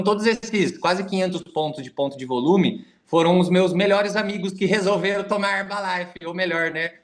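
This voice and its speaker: A young man, coaching his team in an informal, slangy, animated way. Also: high voice. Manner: animated, slangy, acts out quoted messages in varied voices. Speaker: wellness coach and team leader.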